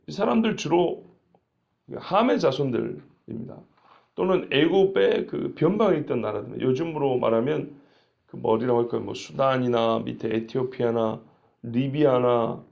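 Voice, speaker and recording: Gravelly-voiced male pastor preaching. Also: on the high side, darkish tone, lo-fi sound. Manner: conversational, asks rhetorical questions. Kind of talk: expository Bible sermon.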